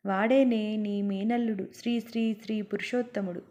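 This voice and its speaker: A teasing old husband of sixty-two who talks with dry humour, as a woman reading a story puts him on. The voice stays mellow and unhurried. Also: medium pitch, fairly even intonation, natural voice. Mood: wry. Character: retired man of sixty-two, teasing and wry.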